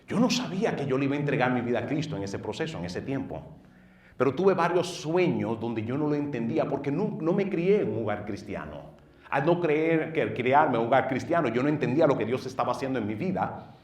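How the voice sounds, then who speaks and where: A middle-aged man with a Dominican accent, a pastor telling his personal testimony in an earnest way, going from loud bursts to low murmurs. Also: lively intonation, a little fast. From northeastern United States. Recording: roomy sound from a distant mic.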